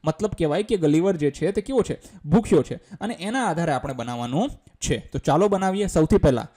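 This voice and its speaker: Speaking a little fast and expressively, a Gujarati-accented teacher with a slightly high, softly mellow voice reads out English lines. He then breaks them down simply and colloquially, step by step, asking questions he answers himself.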